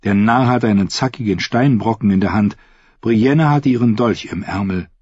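Low, husky male storyteller. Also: no room sound. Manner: steady, measured storytelling. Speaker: audiobook narrator. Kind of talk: scripted narration. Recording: dull, dry close recording.

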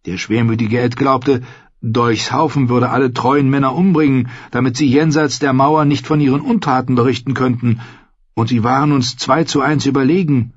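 A man voicing a guilt-ridden young male recruit who talks in a rushed, pressing way. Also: medium pitch, steady tone, breathy edge, dry recording, lo-fi sound, pitched above the performer's own voice, close to an everyday voice. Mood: distraught.

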